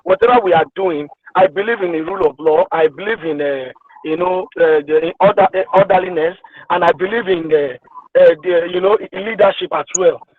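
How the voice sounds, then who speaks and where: A man calling into a meeting on speakerphone while driving home, earnest and pausing often with fillers. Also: sits high, a little hiss or hum. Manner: earnest, pauses with uh and you know. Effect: car speakerphone call while driving. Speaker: party member speaking at a town hall. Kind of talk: remote call into an online meeting. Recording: tinny phone line from a car.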